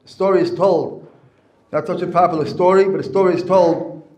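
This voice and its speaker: A man's voice: high voice, a little fast, a little mellow. A man, a rabbi, giving a Torah lesson with stories, repeating and restating his phrases as he teaches. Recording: echoey room.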